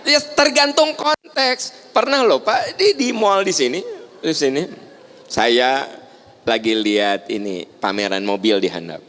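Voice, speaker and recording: Animated Sundanese-accented male preacher. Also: mid-range voice, measured pace. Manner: animated, acts out family scenes with playful humor. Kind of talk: religious lecture.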